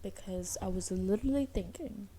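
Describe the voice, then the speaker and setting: A woman's voice: mid-range voice, normal speed, mellow, a little hiss or hum. A young woman co-hosting a podcast, chatting casually and rambling with many "like"s. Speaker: podcast co-host. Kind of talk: casual chat.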